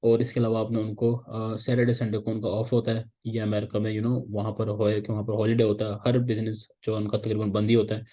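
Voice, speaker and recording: A man's voice: on the low side, completely flat delivery, a little fast, hardly any pauses. A man from Pakistan, giving a recorded lecture as an instructor. He explains in a casual, repetitive way and keeps checking in with his students. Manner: casual, repetitive teaching, often checks in with "theek hai". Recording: slightly dull, lo-fi audio.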